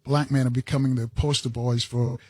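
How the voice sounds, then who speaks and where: A man's voice: medium pitch, little pitch movement, a little fast, a little mellow, dry recording. A man hosting a call-in radio show, speaking in a laid-back, hesitant way with many fillers. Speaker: radio talk show host.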